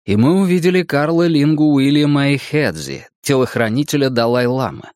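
Mid-pitched man narrating an audiobook, dry sound. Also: normal speed, a little mellow, dry recording. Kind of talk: dramatic scripted first-person narration.

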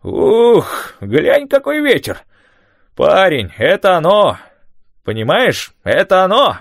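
A man voicing an excitable, talkative old man who rambles and exclaims in an audiobook. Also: a little high, unhurried, dry recording, clean studio sound, voice pushed up, heavily acted. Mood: excited. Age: older. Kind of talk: audiobook character voice.

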